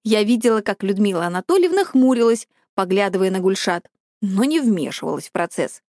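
A woman narrating a first-person story in a wry, expressive way as an audiobook reader. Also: mid-range voice, fairly quick, no room sound, studio quality.

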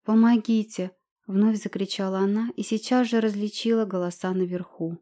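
A woman reading a historical novel aloud with an even, dramatic delivery. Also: medium pitch, brisk. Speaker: audiobook narrator. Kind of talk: scripted narration.

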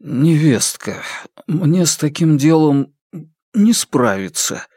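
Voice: medium pitch, expressive, moderate pace, darkish tone, no echo, studio quality, voice pushed up, close to an everyday voice. A reader voicing a timid, pathetic middle-aged man who pleads and wails, in an audiobook. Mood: pleading. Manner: mumbling, pleading, wailing.

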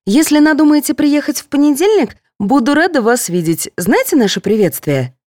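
Woman playing a fussing head nurse, high sing-song voice, lively, mellow, audiobook reading. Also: moderate pace, no echo, clean studio sound. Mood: coaxing. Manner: coaxing, scolding gently. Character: kindly fussing adult female head nurse.

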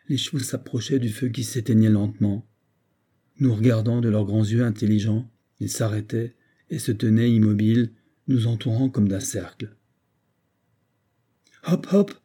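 A man reads a classic tale aloud in a measured, even way. His voice is low, dark and husky, with little brightness. It sounds like a spoken audiobook. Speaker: reader. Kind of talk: audiobook narration.

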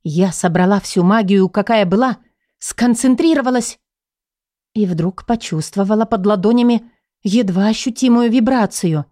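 Mellow-voiced woman reading a novel. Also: mid-range voice, no room sound, studio quality. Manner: expressive, measured. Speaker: audiobook narrator. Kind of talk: first-person audiobook reading.

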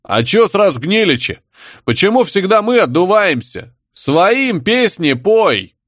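A man's voice: high voice, big pitch swings, unhurried, a bit bright, no room sound, clean studio sound, voice pushed up, heavily acted. A man voicing a rowdy, crude crowd of male savages, jeering and bickering.

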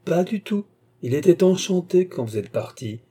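A man's voice: high-pitched, big pitch swings, moderate pace, dark tone, slightly rough, voice pushed up, heavily acted. A man doing a breezy, teasing painter friend. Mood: amused. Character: cheerful amused male painter friend.

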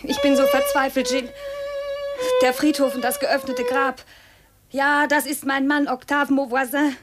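An actress playing a delicate, emotional widow in a 1950s radio drama, breathless and often whispering. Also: female voice, high-pitched, lively intonation, moderate pace, soft background music.

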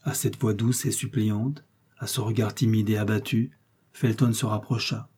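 A man narrating a classic novel aloud in a measured, expressive reading. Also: on the low side, husky. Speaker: audiobook narrator. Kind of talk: literary audiobook narration.

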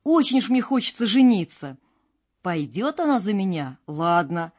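A woman playing a loud, gleeful young simpleton. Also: high-pitched, sing-song, moderate pace. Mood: gleeful, boastful. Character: cheerful boastful young male simpleton. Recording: dull lo-fi with faint music.

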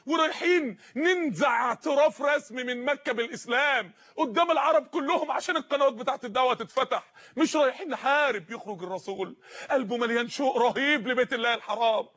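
A man with an Egyptian accent delivers a fiery sermon in a strikingly high voice at a rapid clip. He pleads and shouts, hammering home repeated phrases. The recording is muffled and lo-fi. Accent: Egyptian Arabic. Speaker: preacher.

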